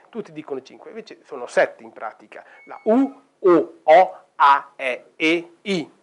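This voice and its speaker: A middle-aged man giving a lecture on sound healing in a bookshop, telling stories and singing vowels as examples. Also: fairly high pitch. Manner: chatty storytelling, demonstrates sung vowels.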